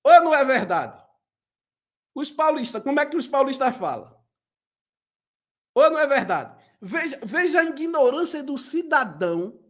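A man's voice: very high-pitched, big pitch swings, moderate pace, pauses often, fairly bright tone. A man with a Pernambuco accent who hosts a gospel channel, ranting on a livestream in an indignant, combative way. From Pernambuco, Brazil. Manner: indignant and combative, repeats insults. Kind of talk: heated livestream rant.

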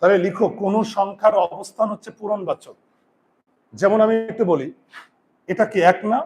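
A male grammar teacher giving a lesson, repeating key terms slowly, counting aloud and telling students to write things down. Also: high voice, a little mellow, slight background noise. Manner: counts aloud and asks rhetorical check questions. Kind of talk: classroom-style grammar lesson.

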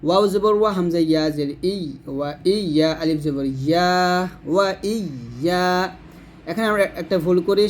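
A man teaching Quran recitation letter by letter, chanting verses slowly and then explaining pronunciation plainly. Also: high-pitched, a little hiss or hum. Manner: slow drawn-out chanting alternating with plain instruction. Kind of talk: spelling-out recitation lesson.

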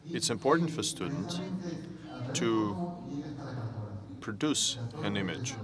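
A man giving a conference presentation, speaking slowly and haltingly with many pauses. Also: fairly low pitch.

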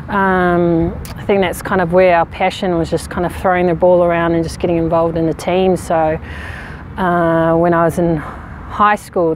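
A woman in her thirties from New Zealand, a rugby player answering interview questions outdoors in a frank, relaxed way with many fillers. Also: lowish voice, a little hiss or hum. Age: 30s. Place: outdoors on a sports field. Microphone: camera at medium distance.

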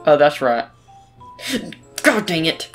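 A man's voice: fairly high pitch, sing-song, slow, a bit bright, soft background music, exaggerated voice. A man voicing a rowdy, dim-witted redneck in an improvised video game role-play, rambling and repeating himself. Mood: pleading.

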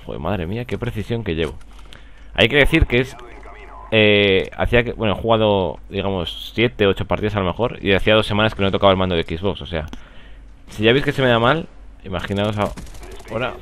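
A young man with a Spanish accent from Spain, rambling and joking through live gameplay commentary, with sudden excited outbursts. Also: lowish voice, fairly quick, slight background noise. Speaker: gaming commentator.

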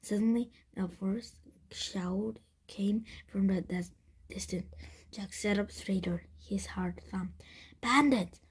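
A woman reading a children's chapter book aloud, in a soft, half-whispered manner that stumbles and restarts. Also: mid-range voice, level tone, slow pace, husky. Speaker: reader.

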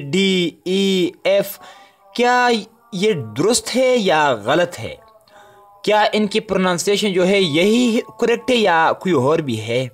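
In a relaxed lesson on the sounds of English letters, a high-voiced man with a Pakistani Urdu accent speaks to his viewers like friends. He says each letter again and again, slowly and drawn out.

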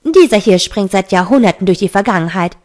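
A woman's voice: medium pitch, lively intonation, brisk, a little mellow, natural voice. A woman reading the lines of a scornful female angel in a fantasy audiobook.

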